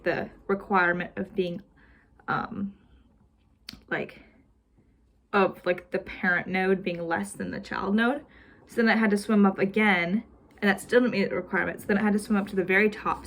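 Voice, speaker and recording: A young woman casually walking through her homework answers as a student, rambling with lots of "basically" and "like", a little out of breath. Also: mid-range voice. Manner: rambling, heavy use of "basically" and "like". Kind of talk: casual recorded homework walkthrough.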